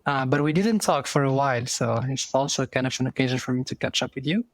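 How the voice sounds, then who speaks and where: A man's voice: mid-range voice, fast, no echo. Moroccan man, thoughtful and dry-voiced. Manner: thoughtful, with frequent fillers and restarts. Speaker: guest. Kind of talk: casual interview.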